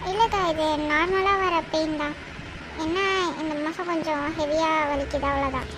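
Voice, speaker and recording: A woman voicing a meek, hurt young woman in a cartoon, speaking softly and hesitantly. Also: high voice, steady tone, moderate pace, background noise, natural voice. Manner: hesitant, soft. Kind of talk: cartoon voice acting. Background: music.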